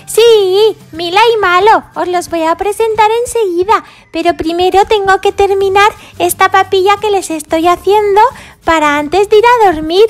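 A woman from voicing a cheerful little girl pig who fusses over her baby dolls in a sing-song, drawn-out way. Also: very high voice, fairly even intonation. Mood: doting. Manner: sing-song, fussing and doting, drawn-out words.

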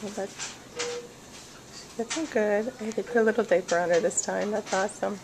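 A woman's voice: medium pitch, moderate pace, background noise. A woman chatting casually and tenderly, with soothing endearments, as she films a home video. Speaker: family member filming a baby in hospital. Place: hospital intensive care ward. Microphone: handheld camera, speaker behind it. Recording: busy hospital room sounds on handheld camera.

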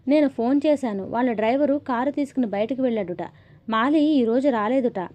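A woman voicing a gentle, fatherly older male landlord in a storybook reading. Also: very high-pitched, a little fast. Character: kindly older male landlord, caring uncle type. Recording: dull lo-fi audio.

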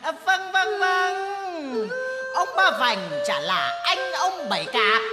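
A cheeky male clown servant, played by a woman from a traditional chèo stage show, teasing his master with puns and sing-song quips. The voice sits high and swoops widely. It rings through a reverberant theater hall under loud live music. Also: sing-song, slow pace, full character voice.

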